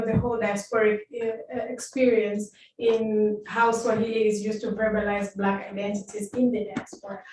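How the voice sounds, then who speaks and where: A woman from Tanzania asks her question in a flat, level tone, pausing and hedging with many fillers. She sounds far from the mic in a very echoey room, with a soft hiss behind. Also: on the high side. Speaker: audience member asking a question. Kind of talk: asking a question at a talk. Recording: very echoey distant mic with faint noise.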